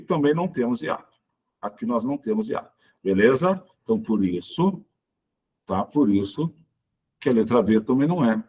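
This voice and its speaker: Male teacher, husky voice with lively pitch swings, stresses each example word and keeps checking in with students. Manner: explains step by step, checks in with "tá?" and "certinho?". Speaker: Portuguese teacher. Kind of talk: exam prep lesson.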